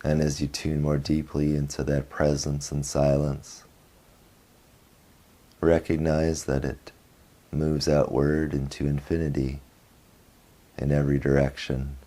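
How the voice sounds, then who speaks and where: Short phrases, long pauses, and a slow, level delivery mark this male meditation teacher's guided session. His voice sits very low and sounds mellow throughout.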